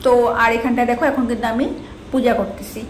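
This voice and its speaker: A woman's voice: on the high side, flat delivery, brisk, roomy sound, slight background noise. A young woman vlogging about her day at home, chatty and talking straight to viewers. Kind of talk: casual vlog narration. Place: home indoors.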